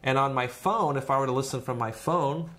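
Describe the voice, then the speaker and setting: A man narrates an informal, step-by-step software tutorial, conversational and demonstrative like a trainer. He speaks at medium pitch and a fairly quick pace.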